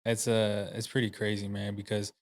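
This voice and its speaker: Laid-back podcast host, low voice. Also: male voice, completely flat delivery, normal speed. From United States. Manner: loose, rambling, with many fillers and restarts. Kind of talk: casual interview chat. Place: podcast studio.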